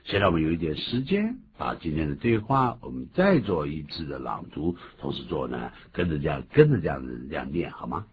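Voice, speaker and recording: A deep-voiced man teaches English on the radio, his pitch swinging widely as he punches out key words. The recording is muffled and lo-fi, with a faint hiss underneath. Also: fairly quick, hardly any pauses. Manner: animated, jumps to high emphatic pitch on key words.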